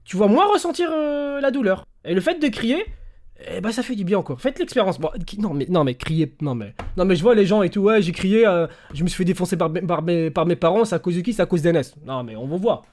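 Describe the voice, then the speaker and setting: Young male streamer, slangy and animated, voice leaping up and down as he tells stories. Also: high voice, brisk. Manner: animated storyteller, slangy, swings between loud bursts and quiet mumbling. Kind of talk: casual livestream chat.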